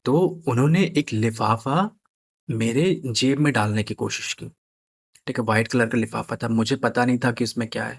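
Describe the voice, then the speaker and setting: A young man tells a personal story in an earnest, unpolished way. He often stumbles, repeats himself and starts his phrases over. His voice sits at an ordinary middle pitch for a man. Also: moderate pace, vocal fry, husky. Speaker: storyteller sharing a personal experience.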